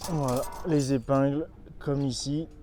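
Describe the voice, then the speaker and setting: A man's voice: medium pitch, steady tone, a little slow, warm tone, faint music behind. A man giving an informal on-site walkthrough of a building site, explaining the work with some hesitant fillers. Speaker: construction company guide.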